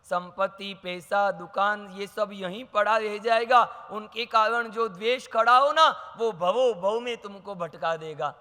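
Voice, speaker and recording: A man's voice: high-pitched, steady tone, a little slow, few pauses, sharp tone, in a large hall. A man preaching as a monk, delivering a sermon with anecdotes and acting out the dialogue, asking rhetorical questions. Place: large hall with audience.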